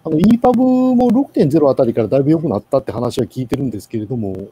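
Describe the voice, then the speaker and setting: A man giving a casual presentation in an online meeting, with many pauses and fillers. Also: medium pitch, lively intonation, mellow, slightly rough, rough recording. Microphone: video call.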